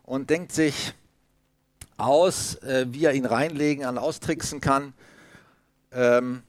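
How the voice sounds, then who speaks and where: A man's voice: mid-range voice, takes it slowly, dry recording. A man from Hamburg, preaching a chatty, story-filled sermon with many asides and fillers. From Hamburg, Germany. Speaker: pastor.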